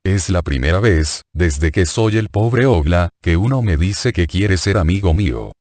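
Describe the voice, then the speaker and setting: A man's voice: sits low, expressive, a little slow, darkish tone, no echo. A man voicing a poor, sorrowful male beggar who confesses his past in a mournful tone.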